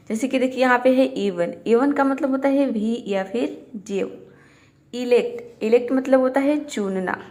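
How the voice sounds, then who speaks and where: A woman's voice: fairly high pitch, a little mellow. A woman gives a spoken pronunciation lesson. She explains each rule step by step and repeats every example word before giving its meaning. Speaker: English teacher.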